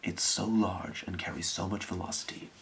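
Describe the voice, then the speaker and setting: A man acts out a scheming thieves' guild boss in a whispered role-play. His voice is very low and heavily creaky, hushed to a breathy whisper. He speaks in a measured, deliberate, secretive way, close to the microphone. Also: little pitch movement. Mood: hushed, calculating.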